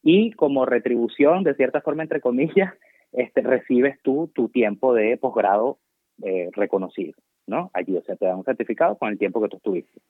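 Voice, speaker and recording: Over a tinny, dry phone line, a guest doctor from Venezuela who works abroad chats casually in an interview. His medium-pitched voice is animated and moves at a normal speed, carrying a Venezuelan Spanish accent. He drifts off on tangents and often jokes at his own expense.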